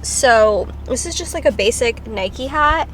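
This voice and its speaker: A Filipina travel vlogger chats casually to the camera while driving around and outdoors in summer, a little congested from a cold and leaning on plenty of "like" and "um." Her voice sits on the high side, expressive and unhurried. The low-quality recording carries a slight hiss or hum.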